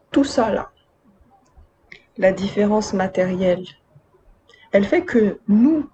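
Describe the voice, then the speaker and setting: The audio is poor, with a little hiss or hum, but her mid-range, dark-toned voice comes through. She's a woman from Madagascar who was raised in Côte d'Ivoire and France, working as a video essayist and chatting casually to viewers with wry, slangy asides.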